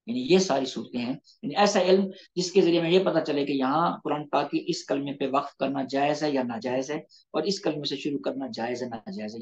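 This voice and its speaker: A male Islamic scholar giving an online lecture on Quran recitation rules. He explains patiently, repeats key terms, quotes Arabic passages and asks rhetorical questions. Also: on the high side. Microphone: mobile phone on a video call. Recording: dull lo-fi online call audio.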